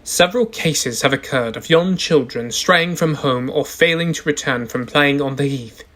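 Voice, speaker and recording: A courtroom lawyer, acted by a man, narrating evidence in a radio play. His medium-pitched delivery is formal and declamatory. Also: moderate pace, a bit bright, close to an everyday voice. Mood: grave, dramatic. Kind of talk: stage radio drama narration.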